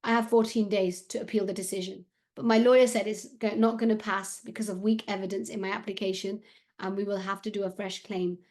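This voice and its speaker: A woman reading aloud, voicing a worried sixteen-year-old Syrian boy who speaks halting English with a Syrian accent. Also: mid-range voice, flat delivery, darkish tone, close to an everyday voice. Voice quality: halting, slightly broken English.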